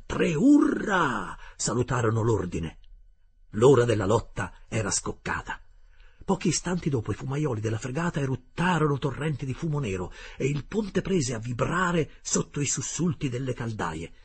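A man narrates an adventure novel in the first person, shaping each sentence with a lively, swinging pitch. His voice is husky and grainy throughout, at an even middle pitch. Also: normal speed. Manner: expressive first-person storytelling. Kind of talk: audiobook narration of a classic novel.

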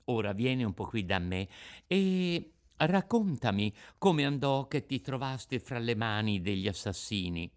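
A man doing a patient gentle fairy. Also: mid-range voice, expressive, a little slow. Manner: soft, patient coaxing.

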